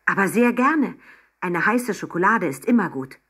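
A woman's voice: mid-range voice, animated, normal speed, a bit bright, breathy edge. A woman voicing an eager, curious young girl in a children's storybook.

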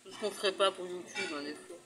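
A man's voice: high voice, quick pace, crowd noise. A man vlogging a food tasting, talking casually while chewing, stammering and repeating words. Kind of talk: casual chat while eating.

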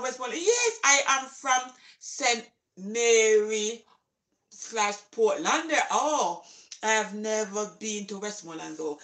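An older Jamaican woman talks freely to her camera while she cooks, with a bright, high voice. Her speech drifts into patois, and laughter breaks through it. The phone sits on the counter, and the kitchen gives the sound an echo. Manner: chatty, mixes patois into speech, laughs often. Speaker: cooking vlogger. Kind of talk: casual chat while cooking. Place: home kitchen. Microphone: phone camera set on the counter.

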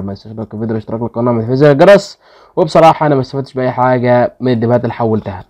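A man with an Egyptian Arabic accent hosts a casual gaming video, begging his luck to turn and grumbling when things go badly. His voice is warm and medium-pitched.

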